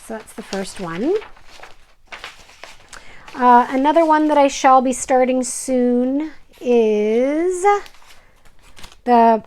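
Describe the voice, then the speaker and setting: A woman casually chatting through her cross-stitch projects at home, self-deprecating and full of fillers, sometimes dropping to a soft whisper. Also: high-pitched, lively intonation, slow, long pauses. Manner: drops to soft whispers over her silks. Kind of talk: casual show-and-tell vlog.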